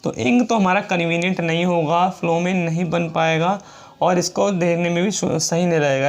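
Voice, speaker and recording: A man gives a classroom lesson, stepping slowly through each rule. His voice sits high for a man, and he repeats every example word patiently. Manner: slow, repetitive explaining, reads rules aloud. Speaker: shorthand teacher.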